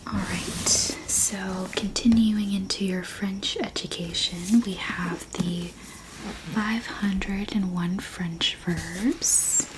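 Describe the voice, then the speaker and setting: Woman, whispered role-play, hushed librarian, breathy whisper, slow unhurried pace, medium pitch, gentle helpful manner. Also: fairly even intonation, noisy background. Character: soft-spoken, helpful female librarian checking out books.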